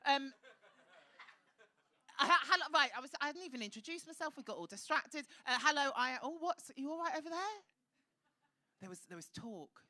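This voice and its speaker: A man with a high-pitched voice hosting a live stand-up night, teasing the crowd with cheeky, camp, sweary banter on a comedy club stage. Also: lively intonation, moderate pace, long pauses, pushed and bright. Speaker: comedy host.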